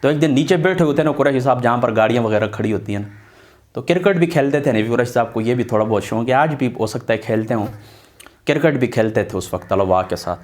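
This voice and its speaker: A middle-aged man from Pakistan speaks as an Islamic scholar looking back on his student years. His voice sits at an ordinary middle pitch, and his storytelling is earnest and lively. He swears oaths that what he says is true. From Pakistan, Attock area. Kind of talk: casual storytelling talk.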